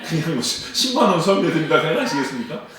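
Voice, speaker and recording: A man preaches with a fairly high, lively voice, acting out little dialogues and tossing questions to his listeners. He stands some way from the microphone, and a big echoing church sanctuary rings around his words. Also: fast talker, recorded from a distance, a crowd in the background. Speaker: pastor. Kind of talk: sermon. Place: church sanctuary at a dawn service. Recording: echoey church sound from away from the mic.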